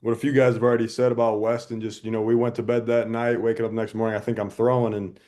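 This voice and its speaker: A man who pitched on the team, speaking haltingly about an injury that kept him out. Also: flat delivery, dark tone. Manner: halting, starts over often. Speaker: former pitcher. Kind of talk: casual reminiscing.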